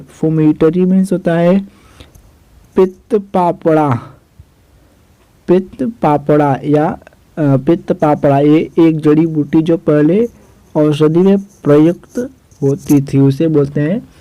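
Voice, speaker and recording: Calling his audience "guys," a young man gives a vocabulary lesson on English word meanings, spelling out each word letter by letter and repeating what it means. His fairly high voice is warm, and the rough recording has no echo.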